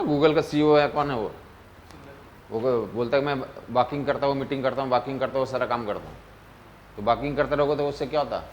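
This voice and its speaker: A man's voice: medium pitch, lo-fi sound, a little hiss or hum. A man teaching physics in a casual classroom lecture, mixing English terms into his talk and often checking that students follow. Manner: keeps asking students if they follow; mixes Hindi with English terms.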